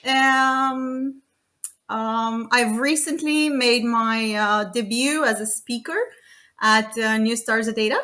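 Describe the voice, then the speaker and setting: A Romanian woman in her thirties, a data consultant, chats casually as a podcast guest, laughing often and filling her speech with fillers and restarts. Her voice is on the high side and sharp, with a steady tone and a slow pace.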